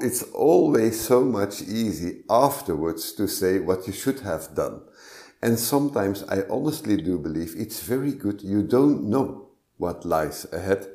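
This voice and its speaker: A middle-aged man from Flanders with a Flemish accent, speaking as a podcast guest in a measured, hesitant way with many fillers. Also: deep voice, darkish tone, reverberant. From Flanders, Belgium. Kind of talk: casual interview talk.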